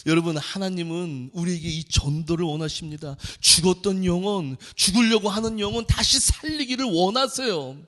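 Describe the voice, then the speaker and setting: A male junior pastor preaching a sermon, impassioned and swinging from soft to loud as he tells a dream story to his congregation. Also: sits high, normal speed, few pauses.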